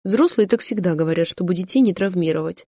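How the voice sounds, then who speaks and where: A woman reads as a scheming woman with a soft, coaxing manner, in a dry and close audiobook recording. The voice sits lowish and stays smooth and persuasive. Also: fast talker, no room sound, close to an everyday voice. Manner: gentle, coaxing.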